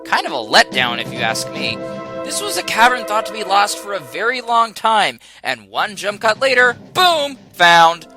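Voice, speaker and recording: A man's voice: high-pitched, wildly swooping pitch, normal speed, music in the background. A man narrating a scripted comedic video game review in a sarcastic, exasperated way.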